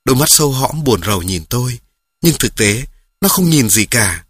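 A man narrating a memoir in the first person, reading steadily and calmly. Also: medium pitch, normal speed, slightly rough, no room sound.

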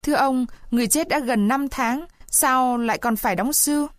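A woman's voice: sits high, normal speed, no echo, studio quality, voice pushed up, lightly acted. A woman voicing a desperate, tearful peasant wife. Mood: pleading. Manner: pleading, weeping. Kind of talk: storybook reading.

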